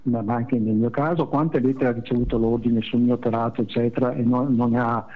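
A man's voice: mid-range voice, fairly even intonation, a little fast. A man talking on speakerphone over a phone line, indignant and stammering through restarts. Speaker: phone-in guest.

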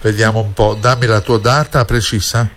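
A man's voice: fairly low pitch, steady tone, moderate pace, fairly bright tone, a little hiss or hum. A man with a Neapolitan accent talking bluntly and insistently as a fortune-telling host on a live call-in show, slipping into dialect and repeating himself. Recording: music behind the voice.

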